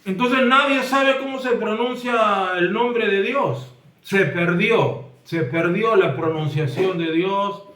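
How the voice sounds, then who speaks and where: A man's voice: high voice, slow pace, a bit bright. A man with a Peruvian accent preaching a sermon as a pastor, emphatic and addressing the congregation directly. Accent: Peruvian Spanish. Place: church hall. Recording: echoey room, voice from far off.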